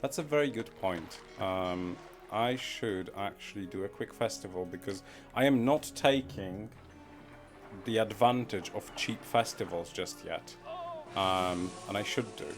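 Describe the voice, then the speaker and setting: A man's voice: fairly low pitch, unhurried. A man casually commenting as he plays a game on a live stream, rambling and muttering to himself and chuckling at his own wordplay. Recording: background music under the voice.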